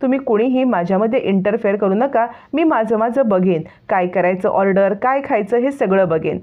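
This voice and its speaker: A woman voicing a rude, defiant teenage girl who fires off sharp questions, in a retold serial story. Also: medium pitch, close to an everyday voice. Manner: sharp, quick-fire questioning. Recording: tinny phone-like sound.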